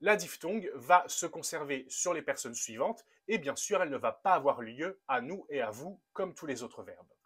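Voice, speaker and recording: A man runs a friendly grammar lesson in an upbeat, methodical way, with a voice pitched a little high for a man. He walks through each rule patiently and slows down to spell out every verb form one by one. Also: animated, fairly bright tone, breathy edge. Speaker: language teacher. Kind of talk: explaining grammar to a camera.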